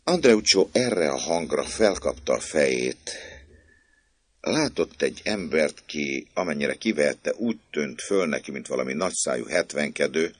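A man reading a classic tale aloud as an audiobook narrator, with a measured storytelling cadence and a husky voice. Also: extremely low pitch, expressive, no room sound.

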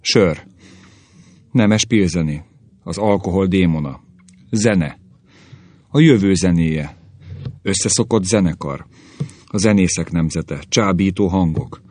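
A man's voice: low-pitched, pauses often, a little mellow, no room sound. A man doing an eager old newspaper editor. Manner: eager, rattles off stock phrases.

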